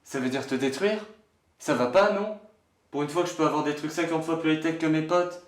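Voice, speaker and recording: A man's voice: fairly high pitch, brisk, lightly acted. A man playing a cheeky teenage son in a film parody, talking in casual slang. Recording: echoey room, off the mic.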